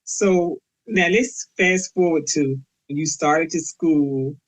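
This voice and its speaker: Female podcast host, encouraging prompts, frequent soft murmurs of assent. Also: sits low, takes it slowly, rough recording. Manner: warm encouraging prompts, many soft "mm-hmm"s. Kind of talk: interview hosting.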